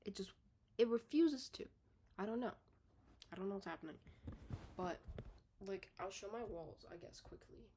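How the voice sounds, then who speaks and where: A young woman in her own bedroom, rambling in a casual, unedited video diary. She is out of breath, swears casually, corrects herself often and lets her sentences trail off softly. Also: mid-range voice, expressive, normal speed, pauses often, slight background noise. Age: young adult. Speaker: vlogger.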